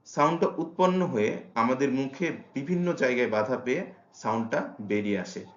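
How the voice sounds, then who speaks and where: A man's voice: medium pitch, lively intonation. Man, patient lesson delivery, hesitant with "ah" fillers, roomy and muffled lo-fi sound. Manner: hesitant, many drawn-out "ah" fillers; slow and careful when modelling sounds. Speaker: teacher. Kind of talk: explanatory language lesson. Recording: roomy, dull lo-fi recording.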